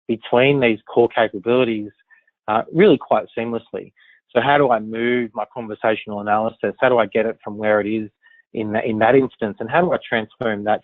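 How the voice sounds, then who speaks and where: A man presenting in a business webinar in a steady way, often leaning on fillers like "obviously". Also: fairly low pitch, dry recording. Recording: dry, tinny phone-line audio.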